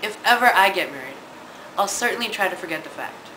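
A young man in an amateur play, acting an idle, witty, smug young gentleman in formal, measured speech. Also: high voice, lively intonation. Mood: smug musing. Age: teenager to young adult. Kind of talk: amateur stage-play acting for a student project. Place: large living room, indoors. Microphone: camera a few metres away. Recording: echoey, noisy room from camera distance.

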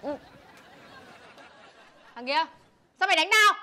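Excitable woman in a comedy sketch, high bright voice. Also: takes it slowly, some chatter behind. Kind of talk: comic sketch acting.

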